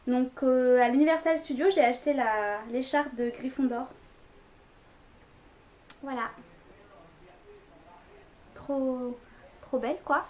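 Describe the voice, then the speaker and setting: A woman's voice: high voice, slow, long pauses, darkish tone. A young woman talking casually at home, rambling through a haul video with lots of fillers. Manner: chatty, rambling, many fillers. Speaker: vlogger.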